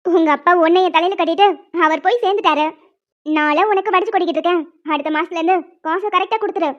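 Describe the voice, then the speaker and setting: A woman's voice: very high voice, quick pace. A woman voicing a harsh, bossy, middle-aged stepmother who scolds and threatens in a cartoon. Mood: scolding. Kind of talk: cartoon voice acting. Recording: dull lo-fi sound.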